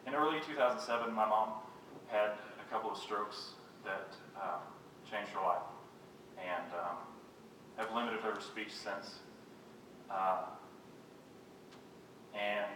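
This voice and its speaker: A man giving a live poetry reading, reading his own poems in a measured, unhurried way and making wry, self-mocking jokes between them. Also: fairly low pitch, bright, forceful tone. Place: reading venue with a live audience. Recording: very echoey room, voice picked up from a distance, faint background noise.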